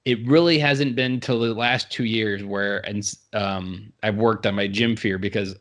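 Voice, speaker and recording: A man's voice: on the low side, steady tone, a little slow, a bit bright. A man in his thirties, a podcast guest, telling his story in an earnest, reflective way. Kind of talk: casual interview conversation.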